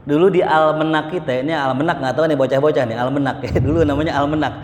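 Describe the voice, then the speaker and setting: A man's voice: fairly high pitch, fairly even intonation, fast talker. A man gives a mosque study lecture, joking and acting out market banter. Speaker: religious teacher. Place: mosque hall. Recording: echoey mosque hall.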